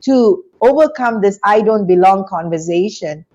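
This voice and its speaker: A woman from Singapore, a guest in an interview, telling her story in an animated, chatty way with frequent restarts. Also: medium pitch, moderate pace, muffled recording. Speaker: interview guest, business school founder.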